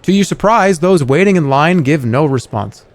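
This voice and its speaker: Male game streamer: slightly high voice, lively theatrical reading of adventure narration. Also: moderate pace. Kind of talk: reading game narration aloud, playful livestream.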